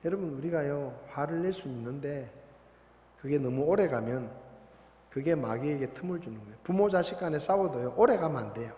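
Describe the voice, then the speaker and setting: Animated preaching man in an echoey hall. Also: a little high, a little fast. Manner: emphatic preaching, asks the congregation questions. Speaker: pastor. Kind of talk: sermon. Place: church sanctuary. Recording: echoey dull church recording.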